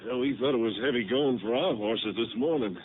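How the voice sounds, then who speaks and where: In a 1950s radio drama, an actor plays an easygoing, folksy male country sheriff, drawling his words. His voice is mid-range, a little fast and lightly acted, heard through a tinny lo-fi old radio broadcast with faint hiss.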